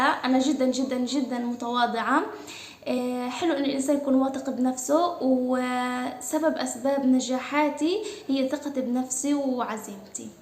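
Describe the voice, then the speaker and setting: A woman's voice: high voice, reverberant. A young woman from Gaza with a Palestinian accent, chatting casually as she answers her followers' questions, with many hesitant fillers. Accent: Palestinian Arabic. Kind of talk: casual Q&A vlog.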